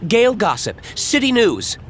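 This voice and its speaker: An audiobook narrator voicing a brisk, pushy woman TV reporter hungry for a scoop. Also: fairly high pitch, huge pitch swings, a little hiss or hum, pitched above the performer's own voice. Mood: eager brisk. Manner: brisk, announcer-like. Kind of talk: audiobook character voice.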